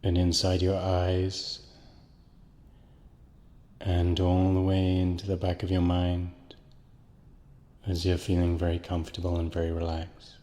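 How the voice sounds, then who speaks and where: A man with a very deep, nearly monotone voice leads a guided hypnosis relaxation. He speaks in slow, soothing, repetitive phrases, and his voice trails off into a long reverb.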